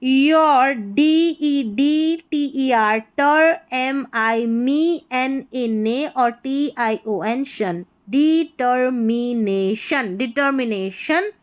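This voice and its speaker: A woman's voice: sits high, extremely slow, hardly any pauses, clean tone. A woman teaching English reading, spelling words letter by letter and then explaining how to pronounce them and what they mean. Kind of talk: slow word-by-word reading lesson.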